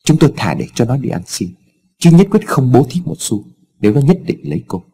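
A man's voice: medium pitch, big pitch swings, fairly quick, creaky, warm tone, husky, full character voice. A man voicing a stern, scheming wealthy father who talks in curt, scornful commands, in a storybook reading. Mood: harsh.

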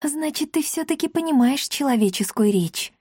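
A woman's voice: high-pitched, expressive, normal speed, darkish tone, dry recording, clean studio sound, pitched above the performer's own voice. Woman doing a timid young girl.

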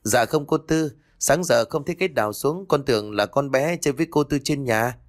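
A man's voice: mid-range voice, a little fast, voice pushed up, close to an everyday voice. A man voicing a humble servant woman answering her young mistress. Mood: deferential. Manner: deferential. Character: servant woman of a wealthy house.

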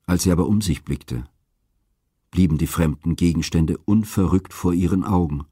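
A man narrating classical myths as an audiobook reader, with a steady, expressive delivery. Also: sits low, normal speed, slightly rough, no echo, clean studio sound.

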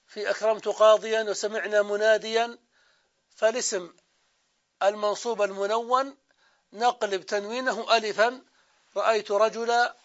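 A man with a Saudi accent teaching a grammar lesson, who asks his own questions, answers them, and drawls out the example words slowly. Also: high voice, highs cut off. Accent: Saudi Arabian.

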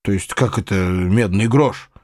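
A man voicing an earnest young gentleman who questions and reasons with his uncle. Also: on the low side, unhurried, no room sound, studio quality, close to an everyday voice. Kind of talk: audiobook character voice.

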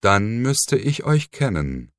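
A man's voice: lowish voice, big pitch swings, slow, no room sound, clean studio sound, voice pushed up, full character voice. A man voicing a frightened but defiant young woman held captive, in an audiobook reading. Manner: breathless, pleading, then defiant.

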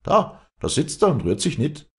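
A man's voice: a little high, wildly swooping pitch, normal speed, voice pushed up. A man voicing a hot-headed young hunter who grumbles irritably in a Bavarian dialect. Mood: agitated.

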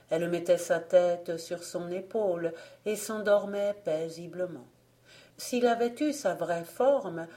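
Woman reading a fairy tale, mellow and low. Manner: calm, even storytelling. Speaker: audiobook reader. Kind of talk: scripted narration.

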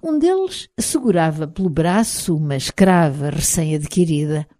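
A woman with a European Portuguese accent narrating an audiobook in the first person, in a measured, expressive reading. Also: deep voice, no room sound, clean studio sound.

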